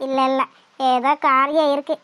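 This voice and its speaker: A woman voicing a meek, patient young village woman in a cartoon, who speaks softly and quietly. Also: high-pitched, flat delivery, moderate pace, voice pushed down. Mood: resigned. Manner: soft, resigned, quiet. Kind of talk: cartoon voice acting.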